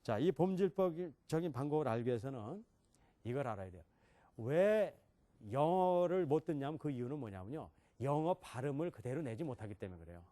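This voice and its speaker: A man's voice: mid-range voice, expressive, fairly quick, mellow. A middle-aged man giving a classroom lecture on English pronunciation, questioning his listeners and demonstrating sounds.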